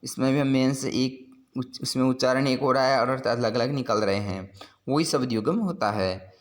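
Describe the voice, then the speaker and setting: A man teaching a school lesson, patiently explaining word meanings and repeating each point. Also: a little high.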